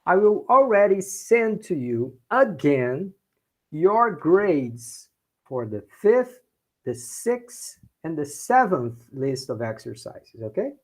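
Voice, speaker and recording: A male Brazilian university professor teaches a class in English with a Brazilian Portuguese accent, often checking in with "okay?" and repeating points in Portuguese. His voice is a little high and slow, with big pitch swings.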